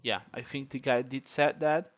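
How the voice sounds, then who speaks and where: A tech video host narrates his screen-recorded tutorial in English shaped by his native Brazilian Portuguese, thinking aloud and using many fillers. He has a mid-range, steady, somewhat bright voice and a moderate pace.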